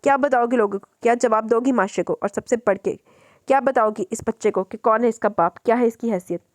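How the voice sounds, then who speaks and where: A woman's voice: fairly high pitch, fairly quick, no room sound, lightly acted. A woman voicing a harsh, scornful middle-aged brothel madam in an audiobook novel, with a mocking tone. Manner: contemptuous, mocking.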